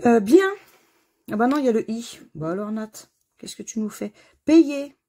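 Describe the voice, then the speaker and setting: A woman's voice: fairly high pitch, expressive, normal speed, warm tone. A middle-aged woman casually commenting as she scratches crossword lottery tickets at home, chatty and self-mocking, spelling out letters one by one. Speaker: scratch-card video host. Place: home corner under renovation.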